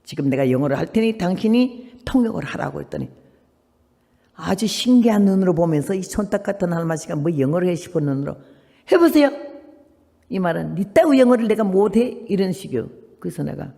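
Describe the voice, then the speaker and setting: A woman in her eighties, a missionary preacher, giving an animated sermon that acts out dialogue and presses emphatic rhetorical questions. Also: fairly low pitch, a little fast, vocal fry. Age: 80s. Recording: long hall reverb.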